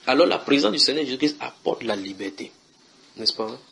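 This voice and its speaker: A man's voice: medium pitch, animated, brisk, vocal fry, a bit bright, slight background noise. A man preaching at a house church, reading Bible verses and questioning his listeners in a conversational way.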